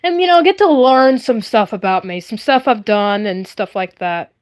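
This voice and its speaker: The livestream host has a mid-range, expressive voice at a moderate pace. She's casually chatting and rambling in a silly, playful manner while displaying puppets she made by hand.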